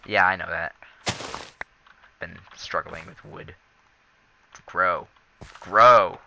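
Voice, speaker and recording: A man hosting a let's play of a game, giving casual, jokey gameplay commentary with quick asides. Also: deep voice, steady tone, creaky, lo-fi sound, background noise. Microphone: laptop recording.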